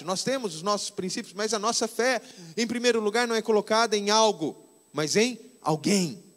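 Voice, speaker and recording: A Brazilian man in his fifties, a pastor preaching conversationally and slowing down to stress key phrases. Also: very high-pitched, a bit bright, in a large hall. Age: 50s. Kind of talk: sermon. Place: church hall.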